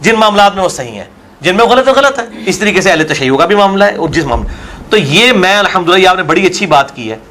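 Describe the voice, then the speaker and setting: Guy, scholar type, argues and asks questions back, highish voice. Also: very animated, fast, pushed and bright. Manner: argumentative, full of rhetorical questions. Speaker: religious scholar. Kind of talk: religious discussion in an interview.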